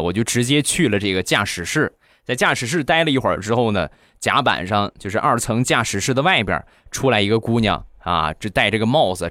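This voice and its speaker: A man's voice: fairly low pitch, dry recording, studio quality. A young man hosting a comedy program, telling funny anecdotes and acting out the voices of the people in them. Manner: lively, acts out quoted voices. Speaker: comedy podcast host. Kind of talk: storytelling jokes.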